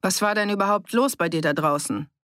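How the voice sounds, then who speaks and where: A reader voicing a skeptical, gruff village innkeeper who doubts the loudmouth's story. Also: medium pitch, fairly quick, no echo, clean studio sound, voice pushed up, natural voice. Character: sweating, skeptical village innkeeper, middle-aged man. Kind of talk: audiobook character reading.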